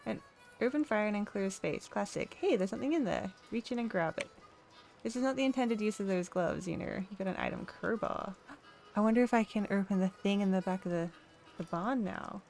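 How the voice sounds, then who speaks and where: A woman's voice: mid-range voice, brisk, vocal fry, a little mellow, faint music behind. A woman playing a game and reading its text aloud with a wry, chatty manner. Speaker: gamer.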